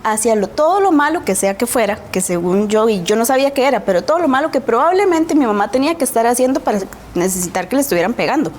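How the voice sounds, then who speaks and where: A woman's voice: fairly high pitch, animated, fast talker, few pauses, a little mellow. A woman with a Costa Rican accent speaks as a guest in a TV interview, with a voice set a little above the usual range for women. She tells her own story in a reflective, earnest way and often checks in with a questioning tag. A faint hiss sits under her voice.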